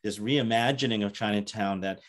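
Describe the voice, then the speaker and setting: A man moderating an academic interview, speaking in a halting way with frequent restarts and "uh"s. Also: fairly low pitch.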